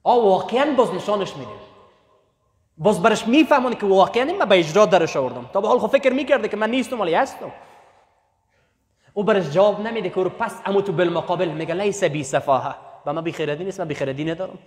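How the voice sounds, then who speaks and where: A man's voice: sits high, animated. A man preaching a sermon in Persian, repeating phrases for emphasis and raising his voice on key points. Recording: echoey hall with long reverb.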